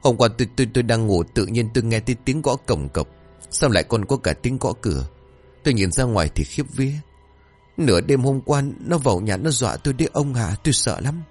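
A man's voice: mid-range voice, animated, a little fast, darkish tone, slightly rough, soft background music, pitched above the performer's own voice. A man voicing a terrified elderly village wife who stammers in panic.

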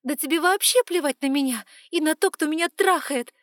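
A woman voicing an angry, tearful young heroine who shouts accusations in an audiobook. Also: high voice, fairly quick, no room sound, clean studio sound, voice pushed up.

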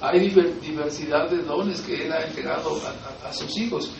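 A man's voice: a little high, moderate pace, creaky, echoey room, recorded from a distance, background noise. A man with a Mexican Spanish accent preaching a sermon as pastor, emphatic, posing rhetorical questions and answering them. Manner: emphatic, rising to loud exhortation, asks and answers rhetorical questions.

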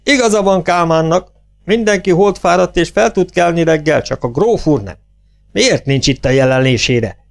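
A man's voice: a little high, vocal fry, soft background music, pitched above the performer's own voice. A man voicing a conscientious male tenor actor who cries out shrilly in indignation. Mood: indignant.

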